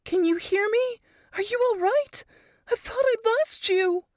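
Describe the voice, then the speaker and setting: A woman's voice: a little slow, no echo, studio quality. A woman reading a wartime story voices a frantic young woman who calls out urgently for her friend in the rubble. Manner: high, urgent calling.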